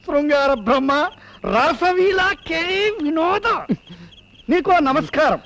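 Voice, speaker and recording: Shrill, taunting neighbour. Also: male voice, takes it slowly, a bit bright, a little hiss or hum, full character voice. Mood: mocking. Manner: taunting, sing-song. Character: mocking neighbour man, sly and sarcastic.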